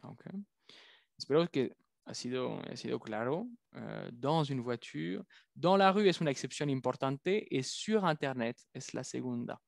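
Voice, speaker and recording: Man, French teacher, language lesson, lively pitch, dry close sound, repeats words slowly. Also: gravelly, no room sound. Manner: repeats each word slowly for learners; careful, drawn-out pronunciation of French words.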